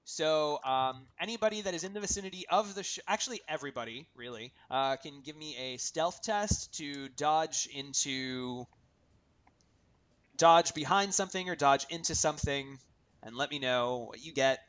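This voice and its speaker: A man's voice: fairly high pitch, normal speed, a bit bright. Chatty man running a tabletop game. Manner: chatty, many fillers, laughing at himself. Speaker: game master.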